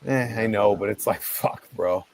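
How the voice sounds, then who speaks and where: A man in his twenties from the US East Coast, intoxicated, chatting casually and candidly in a low, gravelly, older-sounding voice, dry and calm, with plenty of swearing. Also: moderate pace. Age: 20s. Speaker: guest caller on a livestream chat.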